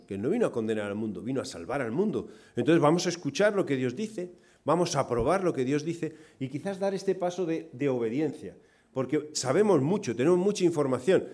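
A man preaching a sermon, talking straight to his congregation, asking them questions and swinging loud emphasis to quiet asides. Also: a little high. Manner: conversational, asks the congregation questions.

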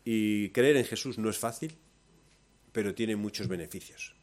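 A man with a Spanish accent from Spain preaching a sermon, moving between loud, lively storytelling and soft, low emphasis. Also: a little slow.

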